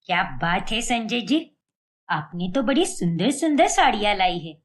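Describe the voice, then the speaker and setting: Bossy middle-aged mother, voiced by a woman, scolding, insistent, animated pitch. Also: normal speed. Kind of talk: animated storybook voice acting.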